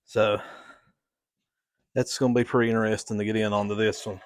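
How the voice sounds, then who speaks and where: A middle-aged man, chatting casually to viewers as a vlog host in a folksy, plain-spoken, halting way. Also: fairly low pitch, little pitch movement. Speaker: host of a hobby repair channel.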